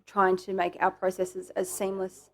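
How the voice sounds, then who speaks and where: A woman's voice: medium pitch, completely flat delivery, a little slow. An Australian woman giving careful testimony as a witness, hesitant and repeating her words. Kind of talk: formal testimony.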